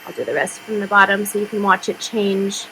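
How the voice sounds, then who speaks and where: Bright, chatty woman hosting a craft tutorial. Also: medium pitch, fairly quick, slight background noise. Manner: chatty and upbeat, thinking aloud while working.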